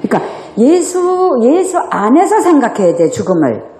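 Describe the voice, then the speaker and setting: A woman pastor preaching a sermon in a church, animated and full of rhetorical questions. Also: high-pitched, moderate pace, reverberant. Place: church sanctuary.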